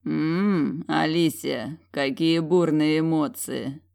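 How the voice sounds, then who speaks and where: A woman voicing a smug, teasing dragon general who speaks in a slow, low whisper. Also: steady tone, dry recording, clean studio sound.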